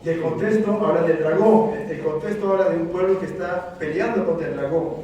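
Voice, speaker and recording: A man's voice: fairly high pitch, brisk, dark tone, highs cut off, slight background noise. A man preaching a sermon to his congregation, speaking fervently and asking them questions. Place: church sanctuary. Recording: very echoey church, mic at a distance.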